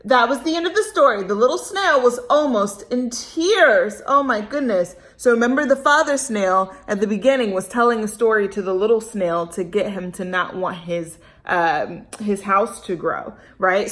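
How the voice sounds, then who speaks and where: A woman with a medium-pitched, slightly bright voice reads a picture book aloud to children at a moderate pace with few pauses. She reads expressively, stretching words for emphasis, and speaks directly to the young listeners with chatty asides and questions.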